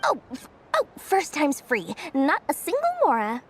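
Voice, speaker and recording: A woman's voice: sits high, huge pitch swings, a little slow, slight background noise, full character voice. A woman voicing a small, greedy female festival merchant in a video game, with theatrical, coaxing, singsong sales patter. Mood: salesy, eager. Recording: music playing behind the voice.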